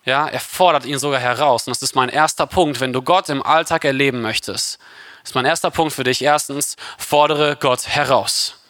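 Casual young man preaching, energetic, close and dry voice. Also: medium pitch, no room sound. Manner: lively, conversational, keeps asking "ja?". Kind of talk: casual youth sermon.

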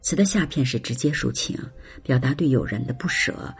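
A reader slowly reciting a classical poem with expressive, drawn-out phrasing, then explaining its lines and meaning. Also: gravelly, slightly rough, faint music behind. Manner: drawn-out, expressive delivery with wide swings in pitch. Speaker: poetry reciter and commentator. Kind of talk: slow poetry recitation then explanatory commentary.

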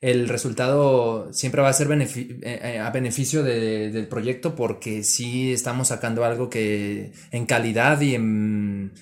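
Laid-back Mexican rapper, slangy and casual. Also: male voice, medium pitch, a little slow, hardly any pauses. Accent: Mexican Spanish. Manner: relaxed, slangy, peppers talk with "güey". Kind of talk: casual interview chat.

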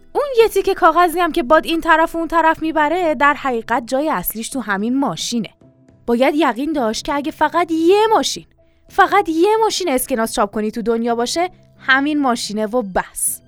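A woman's voice: sits high, a bit bright, pitched above the performer's own voice. A woman reading an audiobook, voicing a boastful, scheming country father who talks in an eager, coaxing salesman manner.

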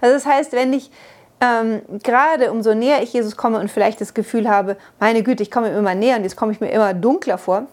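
A woman's voice: on the high side, brisk. A woman giving an earnest Bible commentary in a sermon style, explaining a passage step by step and lifting her voice to stress key points. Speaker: Bible teacher.

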